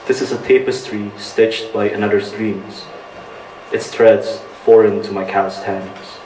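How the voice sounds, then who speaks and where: An Indonesian open-mic poet speaks slowly in a low, steady, darkish voice at an indoor bar during a live open-mic night, giving a halting spoken introduction before his poetry reading. The sound is roomy, with a distant mic and faint background noise.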